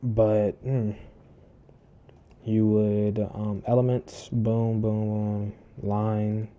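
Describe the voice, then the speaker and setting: A man's voice: fairly low pitch, flat delivery, very slow, phone-quality sound. A man casually talking through a screen-recorded tutorial, rambling with many fillers and restarts, breathing close into his desk microphone. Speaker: tutorial host. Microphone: desk mic close to mouth, heavy breathing.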